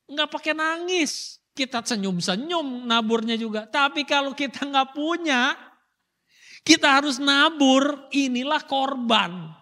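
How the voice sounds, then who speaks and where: A middle-aged male pastor preaches in a strikingly high, bright voice. He keeps the sermon moving with rhetorical questions and short acted-out asides. His delivery is lively and conversational. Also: long reverb tail.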